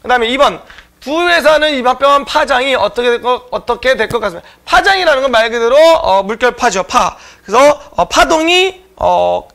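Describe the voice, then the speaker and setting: High-voiced, gravelly man lecturing. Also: animated, brisk, fairly bright tone. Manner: explanatory, many filler "eo" sounds, addresses viewers directly. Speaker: test-prep lecturer. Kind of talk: online lecture explaining exam questions.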